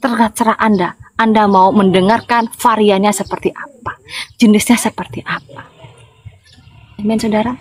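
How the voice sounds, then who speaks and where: A woman's voice: mid-range voice, a little hiss or hum, low-quality recording. A woman from Madura with a Madurese accent, giving an informal, chatty sermon that keeps calling out to her listeners for responses. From Madura, Indonesia. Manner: lively, chatty preaching with call-and-response to listeners. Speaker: evangelist.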